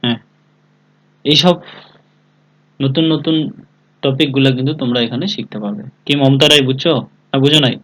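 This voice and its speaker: A man's voice: mid-range voice, normal speed, pauses often, fairly bright tone, low-quality recording. A man teaching an online English class, spelling words letter by letter and often asking his students whether they follow. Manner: calls on students by name. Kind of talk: live online class lesson.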